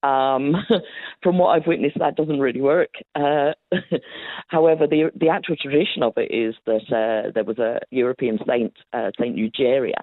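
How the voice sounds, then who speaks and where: A woman historian, appearing as a guest, answers interview questions in a chatty storytelling way, laughing often and filling her speech with fillers. Her voice is extremely low with fairly even intonation and a moderate pace, recorded dry over a tinny, phone-like line.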